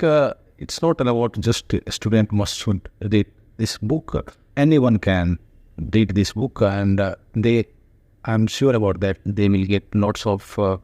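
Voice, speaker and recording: A student and author being interviewed answers in a low, dry, slightly mellow voice, with no room sound. A native Hindi speaker, he's hesitant, pauses a lot and politely says sir, giving halting conversational replies.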